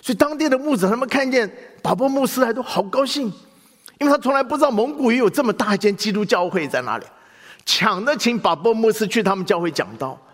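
A male pastor preaching a sermon in animated style, asking the congregation questions. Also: sits high, fast talker, long reverb tail.

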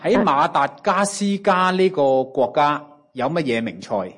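A man with a Cantonese accent preaching a sermon in short phrases, pausing for an interpreter and often opening with a drawn-out interjection. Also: on the high side, big pitch swings, a bit bright.

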